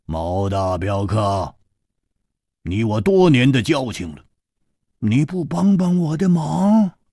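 A man's voice: mid-range voice, huge pitch swings, a little slow, warm tone, breathy edge, no echo, studio quality, full character voice. A man voicing a carefree, teasing male wandering hero in an easygoing manner.

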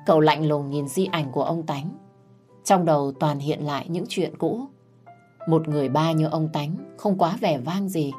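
A woman with a low voice reads a scripted story in a steady, even way. Faint music plays softly behind her narration.

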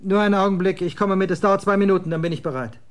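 Over soft background music, a man's voice that sits high delivers a lightly acted German radio drama role. The character is a twenty-year-old moody rocker son, scornful and blunt in his slang, and easily excited.

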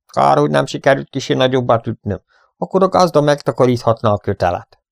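A man's voice: mid-range voice, expressive, gravelly, no room sound, clean studio sound, pitched above the performer's own voice. A man doing a gloating cruel bandit. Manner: mocking, gloating. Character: smug, cruel male bandit.

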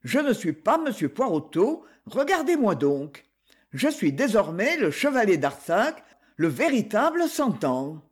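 A sneering, boastful villain gloats from a fairly high, lively voice, as a male reader puts him on. He mocks his trapped rival with theatrical swagger, a master of disguise in an old adventure tale. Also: measured pace, husky, heavily acted. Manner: mocking, boastful.

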